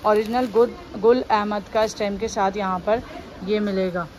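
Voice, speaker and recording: A woman with a mid-range voice talks at a moderate pace and a steady tone while filming a walkthrough of a large, busy indoor clothing warehouse. She stays upbeat, repeats fillers, and shows the stock, all over noisy store ambience.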